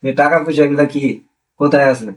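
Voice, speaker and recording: A man's voice: fairly high pitch, level tone, quick pace, close to an everyday voice. An actor playing a husband back from years abroad who insistently demands his savings, with a Bangladeshi accent. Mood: serious. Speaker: returned migrant worker. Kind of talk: amateur drama acting. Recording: voice distant from the mic.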